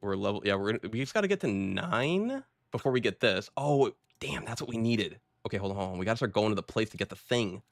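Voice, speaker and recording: A male gaming streamer talks over his match in a relaxed, chatty way. His voice sits somewhat low. He keeps it loose and casual, dropping slang as he plays. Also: fast talker, vocal fry, few pauses, dry recording, studio quality. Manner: laid-back, chatty, says "bro" and "dude" often. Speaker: game streamer. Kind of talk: casual gameplay commentary.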